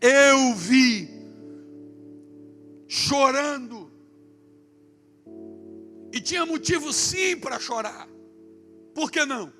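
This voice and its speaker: A Brazilian man preaching a sermon as pastor, impassioned, swinging from hushed speech to shouting. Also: extremely high pitch, expressive, slow pace, long pauses, soft background music. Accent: Brazilian Portuguese.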